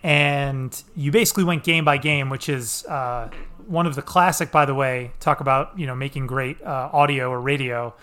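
A man's voice: medium pitch, normal speed, pushed and bright, clear, resonant tone. A man hosting a casual sports podcast, easygoing and moderating, rambling a little with fillers. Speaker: podcast host.

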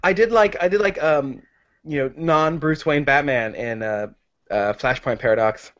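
A man on a casual podcast with a fairly high voice. He talks in a hesitant, wry way, stopping on fillers and restarting his sentences. The recording sounds dull and muffled. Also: moderate pace, fairly bright tone. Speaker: podcast co-host. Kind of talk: casual chat.

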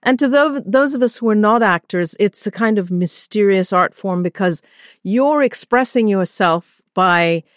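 A woman's voice: mid-range voice, unhurried, dry recording, studio quality. A woman interviewer asking curious, probing questions about a guest's childhood and work.

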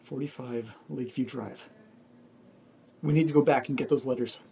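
A man's voice: mid-range voice, steady tone, normal speed, dark tone, natural voice. An actor playing Nate, a rattled, anxious man caught up in a horror audio drama. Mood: determined. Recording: clearly noisy background ambience.

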